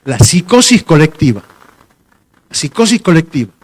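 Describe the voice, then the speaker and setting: A man's voice: a little high, sing-song, normal speed. A man giving a sermon in a conversational way, often repeating phrases and stopping to search for words. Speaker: preacher.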